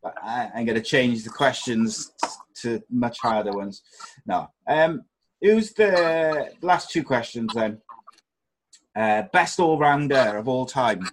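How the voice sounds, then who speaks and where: A man's voice: mid-range voice, lively intonation, slow pace, slight background noise, rough recording. A man from Wales hosting a podcast in casual, teasing, matey sports chat. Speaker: podcast host.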